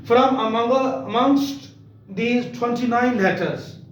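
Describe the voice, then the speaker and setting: A man giving a Quran recitation lesson, talking slowly and haltingly with many fillers, switching between English and Urdu. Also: extremely high pitch, highs cut off, slight background noise. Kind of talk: slow spoken lesson. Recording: echoey room, distant mic.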